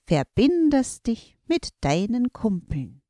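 A woman voicing a cheerful male magician who chants slow rhymes in a loud sing-song. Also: a little high, big pitch swings, dry recording, pitched above the performer's own voice.

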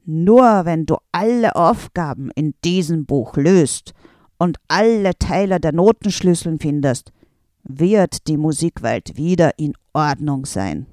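A woman's voice: low voice, lively intonation, takes it slowly, warm tone, no echo, clean studio sound. A woman voicing an evil male wizard who gloats with menace. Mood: menacing. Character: evil old male wizard, mocking and sinister.

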